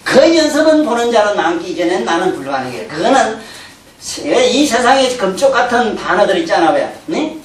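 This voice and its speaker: A Buddhist teacher gives a colloquial, animated sermon, often acting out everyday talk and laughing. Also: mid-range voice, moderate pace. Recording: roomy hall from a distant mic, faint hum.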